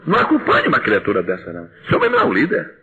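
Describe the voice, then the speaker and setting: A male Brazilian preacher delivers a lively sermon, his pitch leaping up and down as he fires questions at the congregation. His voice is bright and forceful. The recording is dull and lo-fi. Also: very fast. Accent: Brazilian Portuguese. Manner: animated preaching with call-and-response questions to the congregation. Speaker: pastor.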